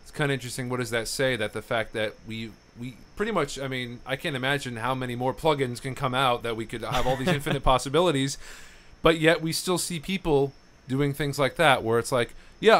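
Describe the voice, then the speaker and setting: A man's voice: mid-range voice, a little fast, hardly any pauses, a bit bright. A man hosting a podcast, chatting casually with a guest, rambling a bit and dropping in lots of mm-hmms and fillers. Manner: rambling, frequent affirmations and fillers. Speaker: podcast host. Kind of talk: casual interview chat.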